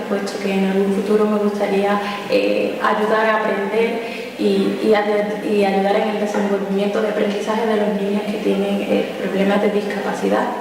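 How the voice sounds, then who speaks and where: Young woman speaking in an echoey hall. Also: medium pitch. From Dominican Republic. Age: 20s. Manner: hesitant, many fillers and restarts. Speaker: student speaker. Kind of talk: prepared personal statement. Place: large hall at a round-table event. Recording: echoey hall, distant mic.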